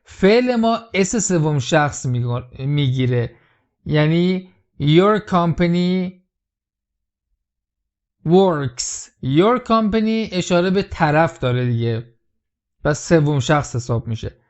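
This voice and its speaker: A man with a fairly high voice teaches English in a patient, explaining tone, and he says the key phrases slowly and carefully. The recording sounds a little dull and lo-fi. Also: expressive. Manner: repeats English lines slowly, then explains them. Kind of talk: explaining film lines in a language lesson.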